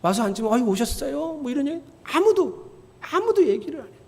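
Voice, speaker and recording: Male pastor, high and expressive sermon voice, long reverberant hall sound. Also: fast. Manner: animated storytelling, rising to near-shouting emphasis. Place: church sanctuary.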